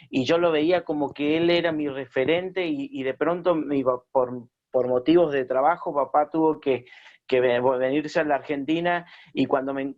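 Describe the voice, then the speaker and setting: Chilean-born male pastor, halting testimony, middle pitch, dull lo-fi sound. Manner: hesitant, many fillers and restarts. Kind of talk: radio interview, personal testimony.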